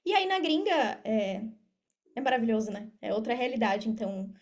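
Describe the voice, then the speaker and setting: This Brazilian-accented affiliate marketer and mentor chats casually as a guest on a podcast, talking straight to the audience as she explains things. Her fairly high voice swings widely in pitch, and she speaks at a normal speed.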